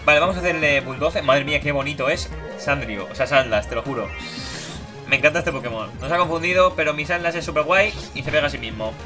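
A young man gives casual, playful commentary while playing a video game. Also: quick pace. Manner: playful, voices game characters in silly high tones. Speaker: gaming YouTuber. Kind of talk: casual Let's Play commentary. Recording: game music behind voice.

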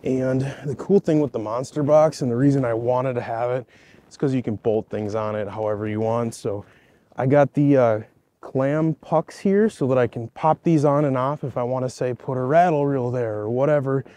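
A man's voice: medium pitch, warm tone, no echo. A man in his thirties, outdoors on a frozen lake, chatty and enthusiastic as he shows off his gear, laughing between words. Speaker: ice-fishing video host. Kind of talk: casual gear walkthrough.

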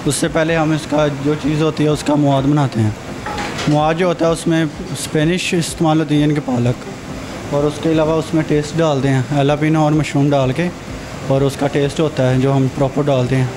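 A man's voice: on the high side, little pitch movement, normal speed. A male chef, talking through a face mask and plainly explaining his cooking in a kitchen. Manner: plain, matter-of-fact explaining. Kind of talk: casual on-camera interview answers. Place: restaurant kitchen. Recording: noisy kitchen, air conditioning hum.

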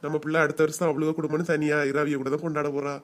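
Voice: mid-range voice, little pitch movement, fast, lightly acted. An actor voicing a doting Kanyakumari father. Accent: Kanyakumari Tamil. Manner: coaxing and soothing. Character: gentle middle-aged father, doting.

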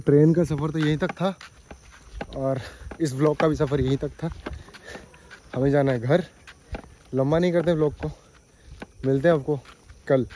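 Holding his phone at arm's length, a young man vlogs his travels casually in Hindi mixed with English and a little Odia. His fairly high voice has a dark, steady tone at normal speed with long pauses, over background music and slight hiss or hum, in rooms, a street and a station, indoors and outdoors.

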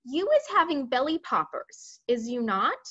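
A woman reads as a gentle storybook giant, excitable and eager, in muddled childlike speech. The voice is high and swings up and down freely, on a slightly dull recording. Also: measured pace, heavily acted. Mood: eager explaining. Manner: exclaiming, garbled grammar and mispronounced words.

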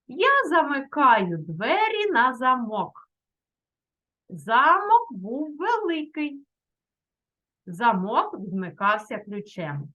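A middle-aged woman teaching children in a video lesson, speaking gently and encouragingly. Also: fairly high pitch, highs cut off. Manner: gentle and encouraging, uses diminutives. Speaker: primary school teacher.

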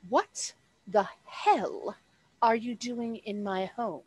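A woman game master voicing a sinister serpent woman, contemptuous and taunting, with slow dramatic delivery. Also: fairly high pitch, breathy edge, poor audio. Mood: exasperated, indignant.

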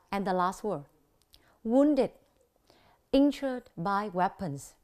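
A Vietnamese woman teaches English on television, slowly drilling the pronunciation of English words with a Vietnamese accent. Her mid-range voice has a dark tone.

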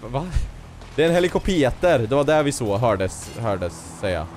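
A man's voice: medium pitch, soft background music. A young man chatting casually and joking while playing a co-op game. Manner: joking, teasing, excitable. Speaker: gaming YouTuber. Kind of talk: casual co-op gameplay chat.

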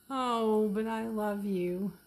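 A woman's voice: mid-range voice, darkish tone. An older woman with a Southern US accent, bantering and teasing while she films a home cooking session on a handheld camera in a kitchen. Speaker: cooking show co-host filming. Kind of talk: casual cooking chat.

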